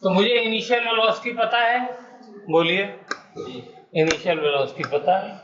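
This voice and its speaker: In a dull, echoey classroom recording with background noise, a man with a high, animated voice teaches physics at a moderate pace. He works through problems step by step and coaxes answers out of his students.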